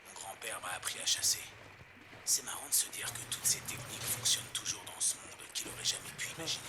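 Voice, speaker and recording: A low, sing-song survivalist preacher on pirate radio, hushed and urgent, heavy noise. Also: male voice, animated, quick pace. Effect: pirate radio broadcast. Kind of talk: video game dub.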